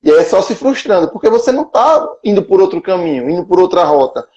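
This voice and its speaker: A man's voice: high-pitched, animated, fast, a little mellow. A man hosting a casual live chat, laying out his ideas step by step, heard through dull lo-fi stream audio. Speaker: host.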